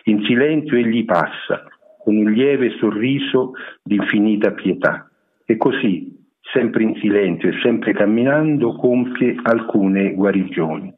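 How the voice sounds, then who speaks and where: A man giving a measured, explanatory radio lecture on literature. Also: on the low side, breathy edge. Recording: narrow phone-like radio broadcast.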